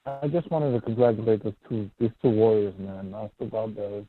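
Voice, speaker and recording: A man's voice: on the low side, no echo. Man calling in, muffled as if through a wall. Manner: halting, repeats words. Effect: muffled phone line, as if through a wall. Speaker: caller. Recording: muffled tinny phone line.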